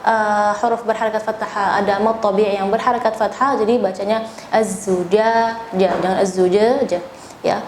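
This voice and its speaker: In an echoey room with faint noise, an Indonesian woman with a higher voice teaches recitation. She over-enunciates her examples, drawing out sounds and words for the learner. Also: a little mellow. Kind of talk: spoken lesson with feedback and demonstrations.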